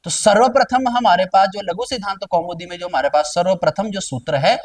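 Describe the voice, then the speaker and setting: High-voiced man teaching grammar, off-mic. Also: a little fast, distant mic. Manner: repeats key terms and asks then answers his own questions. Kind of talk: explanatory lecture.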